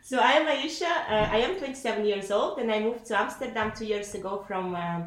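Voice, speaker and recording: A woman in her twenties, originally from Kazakhstan, talks casually as a podcast guest. She fills her sentences with "like", and her middle-pitched voice sits in an echoey room. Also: a little fast, over a noisy crowd. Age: 20s. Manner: chatty, laughs often, many "like" fillers.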